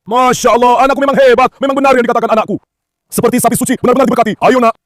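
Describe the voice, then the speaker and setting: High-voiced man coaxing dogs outdoors. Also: fairly even intonation, rapid-fire, a bit bright, dry recording. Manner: coaxing, calls to dogs, exclamations. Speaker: vlogger handling dogs. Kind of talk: casual outdoor dog vlog. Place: outdoors in an industrial area.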